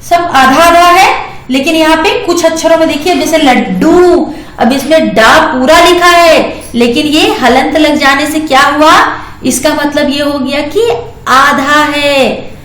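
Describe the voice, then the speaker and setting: Woman teacher, high voice, slow and patient with small kids, echoey room. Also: fairly bright tone. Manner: patient, slow and repetitive, sounding out syllables. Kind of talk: classroom lesson for young children.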